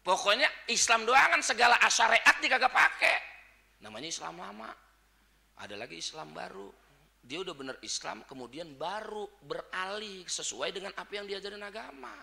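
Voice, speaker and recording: A man with a Betawi Jakarta accent preaching a dawn sermon, joking and swinging from quiet asides to shouted points. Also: sits high, animated, normal speed, creaky.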